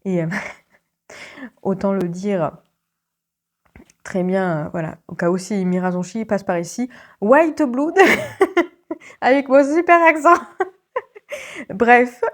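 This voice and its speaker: A woman's voice: medium pitch, dark tone. A young woman from Belgium chatting casually in a book vlog, full of hesitations and little giggles. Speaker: book vlogger.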